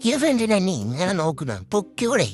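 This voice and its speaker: A man's voice: high voice, big pitch swings, fast, music in the background. Mischievous toddler boy's thoughts, voiced by a man, comic voice-over, confiding asides, swinging intonation. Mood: cheeky. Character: cheeky scheming toddler boy's inner voice.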